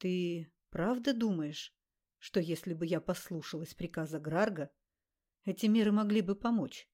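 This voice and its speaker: A woman reading an exhausted, hoarse young judge. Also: on the low side, unhurried, warm tone. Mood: weary. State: weak, hoarse.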